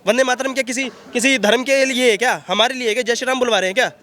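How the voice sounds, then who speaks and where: A man with a very high, bright voice rants forcefully in a street interview. He talks outdoors in a city and piles up repeated phrases as he argues. His tone is sharp and insistent. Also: steady tone, racing. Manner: forceful, repetitive ranting. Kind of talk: heated street vox pop.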